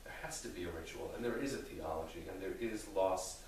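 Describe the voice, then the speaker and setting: A man speaking as a rabbi, answering theological questions in a deliberate, thoughtful way with careful qualifications. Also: sits low, darkish tone. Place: reverberant indoor room with an audience. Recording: very echoey room, distant mic, faint noise.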